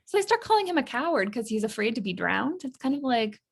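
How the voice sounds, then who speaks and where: Woman teacher with a bit of a gravelly voice, chatty, lots of ums and likes. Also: fairly high pitch, fast. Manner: lively, acts out quotes with laughs and fillers. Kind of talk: classroom lesson on a play.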